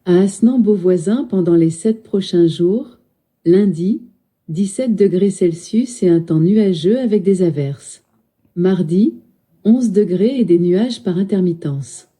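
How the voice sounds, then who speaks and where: Dark, husky synthetic assistant woman. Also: fairly low pitch, lively intonation, unhurried. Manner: polite, evenly paced, announcer-like.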